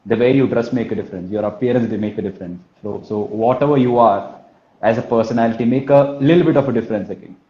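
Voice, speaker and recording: A man's voice: mid-range voice, quick pace. A man from Kerala with a Malayali Indian English accent, coaching informally like a telesales trainer, repeating himself for emphasis and often tagging sentences with checking questions. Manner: emphatic repetition, frequent 'right?' and 'you know what I mean?' tags. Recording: roomy echo, dull muffled sound.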